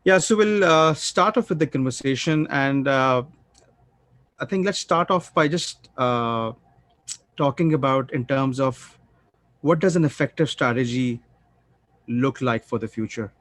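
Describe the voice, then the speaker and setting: Measured man moderating a panel, dry sound. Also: mid-range voice, fairly bright tone, no echo. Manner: measured, with occasional filler pauses. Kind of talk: formal panel introduction and moderation.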